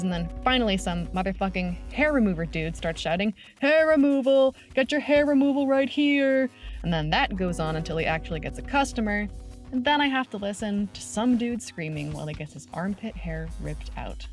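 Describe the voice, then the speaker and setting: Brash, sweary woman reading aloud. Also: mid-range voice. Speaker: reader. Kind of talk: profane comedic reading of a modern paraphrase.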